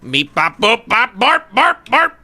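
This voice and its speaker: A man's voice: very high-pitched, sing-song, takes it slowly, pushed and bright, pitched above the performer's own voice, heavily acted. Man doing a beeping robot-voiced alien. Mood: mock robotic. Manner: robotic beep-bop chanting. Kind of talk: let's play commentary.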